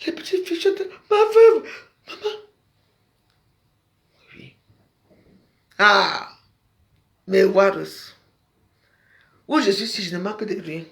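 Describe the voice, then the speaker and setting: Gravelly, emotional woman repeating exclamations. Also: mid-range voice. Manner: emotional, exclamatory, repeats phrases, sometimes tearful. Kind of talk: emotional street interview chat.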